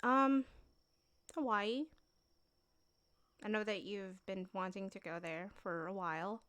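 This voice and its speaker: Casting: a woman doing an affectionate young girlfriend, sweet and teasing, even pitch, unhurried. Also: clean tone.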